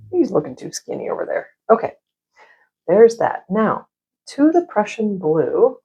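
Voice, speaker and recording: A woman hosting a casual, chatty watercolor tutorial in a rambling, self-deprecating, slightly scattered way, with a slightly husky, creaky voice. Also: lowish voice, warm tone, rough recording. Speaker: painting instructor.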